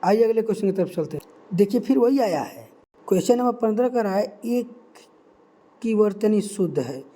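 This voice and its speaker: High-voiced man drilling quiz answers. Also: animated, mellow. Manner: reads options slowly, repeats key words to stress them. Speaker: Hindi exam tutor. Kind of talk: quiz-style teaching.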